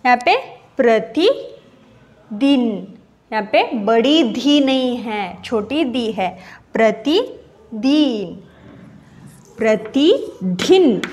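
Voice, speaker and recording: A woman's voice: fairly high pitch, darkish tone, slight background noise. A woman teacher giving a grade-school grammar lesson, spelling words out syllable by syllable and repeating each one drawn out.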